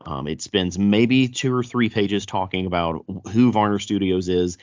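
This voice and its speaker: A man with a thick Southern US accent hosting a casual podcast chat, often stammering and repeating words as he goes. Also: on the low side. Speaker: podcast host. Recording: dull, roomy echo.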